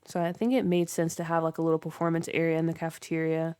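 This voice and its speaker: A woman's voice: deep voice, monotone, fast talker, mellow, clean tone, no room sound, studio quality. A young woman livestreaming, giving a chatty, filler-heavy tour of her game build and chatting with viewers. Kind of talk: casual livestream commentary while building in a game.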